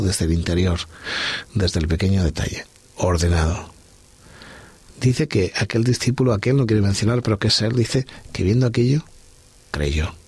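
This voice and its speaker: A man's voice: lowish voice, husky, dry recording. A man leading a reflective Bible study talk on a podcast, musing aloud and posing rhetorical questions. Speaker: podcast host.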